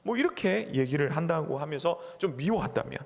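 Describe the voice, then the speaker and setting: A pastor giving an earnest, emphatic sermon in a church sanctuary. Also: male voice, fairly high pitch, lively intonation, a little fast, creaky. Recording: reverberant church hall.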